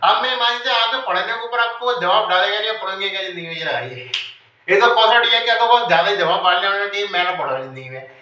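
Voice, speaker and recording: High-voiced man lecturing in an echoey room. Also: fast, pushed and bright, slight background noise. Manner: explains with everyday analogies, asks rhetorical questions. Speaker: medical lecturer. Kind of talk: informal Hindi lecture. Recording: echoey room, voice far from mic.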